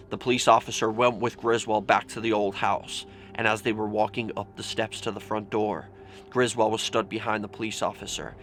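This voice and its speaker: A man tells scary stories in a casual, informal vlog style, swearing mildly and saying "like" constantly. His mid-range voice is a bit bright. The recording is clearly noisy with background ambience.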